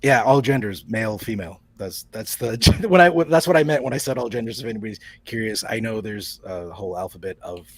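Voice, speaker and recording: A man's voice: on the low side, a little fast, few pauses, dry recording. A man being interviewed as a comic book creator, chatting casually and telling rambling stories. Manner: rambling storyteller with restarts and laughs.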